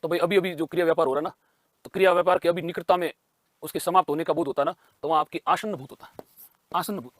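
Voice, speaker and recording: A man's voice: on the high side, steady tone, racing, no echo. A man teaching a grammar lesson for exam prep. He asks questions and answers them himself, and he repeats key terms.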